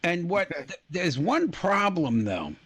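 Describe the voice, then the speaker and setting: Slow, high-voiced jokey man. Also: very animated, a bit bright, breathy edge. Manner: jokey, drawn-out delivery. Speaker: podcast co-host. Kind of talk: comedic trivia chat.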